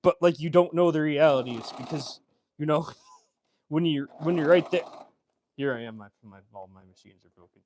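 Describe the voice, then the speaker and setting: A man's voice: fairly high pitch, normal speed, a little mellow, a little hiss or hum. A man chatting casually on a livestream, rambling with many fillers and answering viewer comments. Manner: rambling, lots of fillers and restarts. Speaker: fashion designer streamer.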